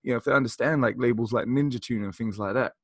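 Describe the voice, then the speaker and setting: A podcast co-host in his 40s, from South Croydon, London, England, chats casually and enthusiastically about music, rambling and saying "you know" a lot. He's a fast talker with a husky, mid-range voice, recorded dry.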